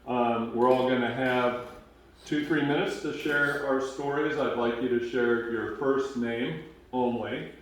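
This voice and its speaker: A man hosts and introduces speakers in a slow, unhurried way, with a few fillers. His voice sounds distant in a very echoey space. Faint noise lingers behind it. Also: medium pitch, steady tone. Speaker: event host.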